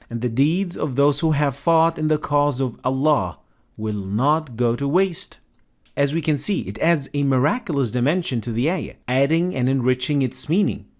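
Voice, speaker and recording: A man narrating a scripted educational explainer in a measured, explanatory way. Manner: measured, explanatory, lively pitch.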